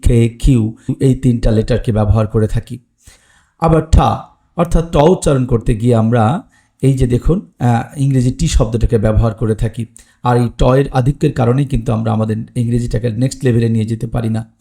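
Gravelly-voiced male pronunciation teacher. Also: mid-range voice, dark tone. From Bangladesh or West Bengal. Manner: plain explanatory, with frequent "ah" fillers. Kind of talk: online lesson.

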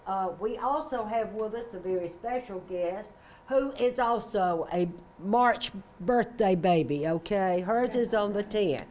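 A woman's voice: mid-range voice, darkish tone, slight background noise. Chatty older woman emceeing a party. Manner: friendly, chatty, quick asides. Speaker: senior center director. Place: large community room indoors. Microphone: handheld mic.

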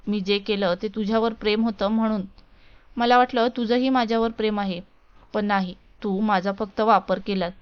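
A woman reading the part of a wronged, angry young woman in a storybook tale, accusing and indignant, with a smooth voice on a dull lo-fi recording. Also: medium pitch, fairly even intonation, moderate pace, lightly acted.

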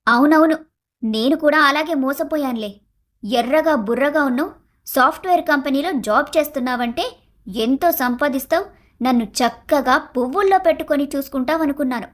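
A woman voicing a shrill, demanding young wife. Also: moderate pace, lightly acted. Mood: complaining. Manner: complaining, shouting, taunting. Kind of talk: animated cartoon story voice acting.

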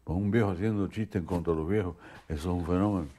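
Older man, low voice, interview, relaxed, anecdotal. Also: fast. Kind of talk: interview answers.

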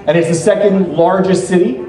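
Speaking from a podium on a banquet hall stage, a middle-aged American man gives the introduction for a political gala's keynote. He is earnest and measured, slipping in occasional light jokes, and his high-sitting voice is steady with a dark tone. Filmed from across the room off a podium mic, the audio is distant and echoey.

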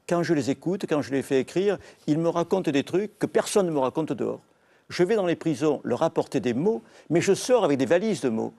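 A man's voice: a little high, creaky, mellow. An older man with a southern French accent from Marseille, a novelist guest telling stories earnestly on a TV book show. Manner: storytelling, earnest, quotes and repeats phrases. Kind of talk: televised literary talk. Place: TV studio.

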